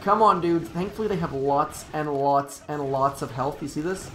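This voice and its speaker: A man's voice: a little high, moderate pace, a little hiss or hum. A man live-streaming a strategy game, giving casual, upbeat, rambling commentary, correcting himself and cheering on his troops aloud.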